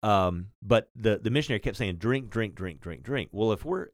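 A man hosting a podcast interview, relaxed and hesitant, with many fillers and restarts. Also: on the low side, moderate pace, no room sound, clean studio sound. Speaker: podcast host. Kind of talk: conversational interview.

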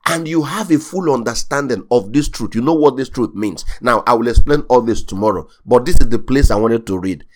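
A man's voice: mid-range voice, a little fast, hardly any pauses, a little mellow. A male pastor delivering a sermon in an emphatic style. He drives his points home by repeating key phrases, and his voice swells in sudden surges of intensity.

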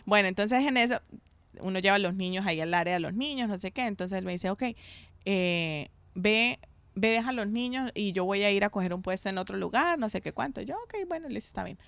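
Middle-aged lady, bright tone, animated story, drops english bits. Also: medium pitch, fairly quick, gravelly, smooth, no echo. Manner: animated, mixes in English phrases. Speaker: panel guest. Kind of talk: casual storytelling chat.

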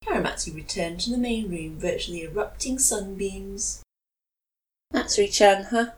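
A woman reading fan fiction aloud, expressive in her storytelling. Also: medium pitch, moderate pace, slight background noise, poor audio. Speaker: reader.

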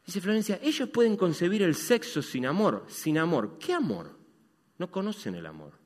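A man with a Rioplatense accent preaching a sermon as pastor, swinging between loud and hushed. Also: sits high, sing-song, normal speed, big-room sound. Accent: Rioplatense Spanish.

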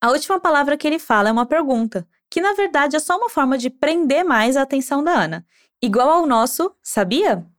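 A woman teaching a language lesson, patiently modeling words slowly and asking the listener to repeat after her. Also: high-pitched. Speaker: Spanish teacher.

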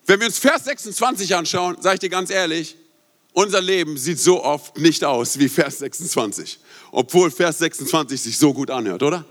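Man preaching, high voice, emphatic, rhetorical questions, young adult. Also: lively intonation, moderate pace, a bit bright. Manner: mixes English words into speech. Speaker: pastor. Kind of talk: sermon.

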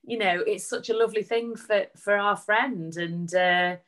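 A woman's voice: mid-range voice, moderate pace, a bit bright. A woman chatting casually as co-host, rambling into anecdotes. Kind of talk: casual chat.

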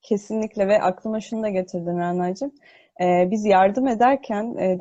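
A woman explaining scripture in an unscripted religious talk, hesitant and pausing to think as she explains, with her voice echoing. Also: a little high, mellow. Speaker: host of a religious discussion broadcast. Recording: echoing voice, muffled online audio.

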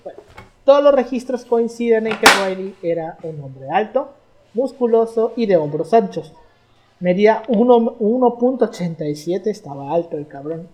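A woman's voice: medium pitch, animated, normal speed, a little mellow, slight background noise. A young woman with a Mexican accent, co-hosting a casual history chat, slangy and storytelling as she goes through her notes. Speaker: podcast co-host.

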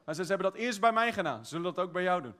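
A man preaching a sermon, exuberant, swinging from shouted praise to quiet, chatty storytelling. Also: high voice, animated, rapid-fire. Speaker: pastor.

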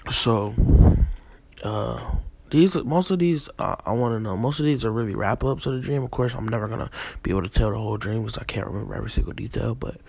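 Young male podcast host, husky and a bit sick, rambling and profane. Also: fairly low pitch, quick pace, a little mellow, dry recording. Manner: rambling, profane, many fillers. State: a little sick. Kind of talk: casual dream recounting monologue.

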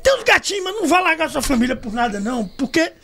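A middle-aged man, a journalist guest, telling stories loudly and with laughter in a casual podcast chat. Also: extremely high pitch, fast talker, creaky. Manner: loud, animated, laughing storyteller.

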